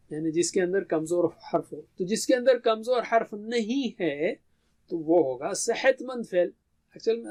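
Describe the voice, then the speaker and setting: A man's voice: high voice, darkish tone. Urdu-speaking man lecturing on Arabic grammar. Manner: explains step by step, asks and answers own questions. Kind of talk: classroom lecture on Quranic grammar.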